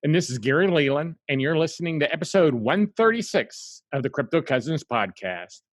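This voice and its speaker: A man from South Carolina hosting a podcast, talking in an animated, rambling way full of asides. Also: on the high side, a little fast, slight background noise. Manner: animated and rambling, lots of "you know" asides. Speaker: podcast host. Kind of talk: casual interview chat.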